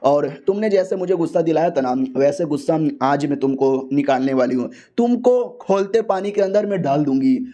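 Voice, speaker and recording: A man's voice: a little high, expressive, normal speed, hardly any pauses, dark tone, natural voice. A man doing a haughty female sect leader.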